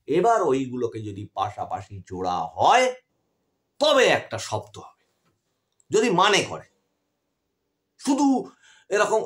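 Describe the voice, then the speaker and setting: Male tutor, animated pitch, patient explainer, asks students questions. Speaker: English grammar teacher. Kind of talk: explanatory online lesson.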